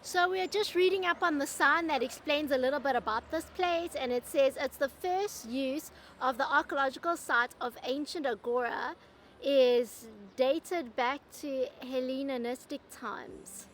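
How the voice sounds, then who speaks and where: A woman's voice: sits high, unhurried, fairly bright tone, a little hiss or hum. A woman chatting casually in a travel vlog, upbeat and full of fillers, talking outdoors and later in a car. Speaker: travel vlogger.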